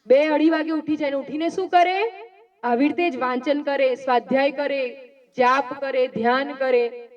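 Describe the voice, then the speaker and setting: A high-pitched woman preaches to children in a simple, questioning way, drawing answers out of them one after another. Her voice sits well back from the mic. The sound is dull and muffled. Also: steady tone, far from the mic. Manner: coaxing, quizzing the children with quick questions. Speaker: Jain nun giving a talk to schoolchildren. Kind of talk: simple sermon to children with call-and-response questions.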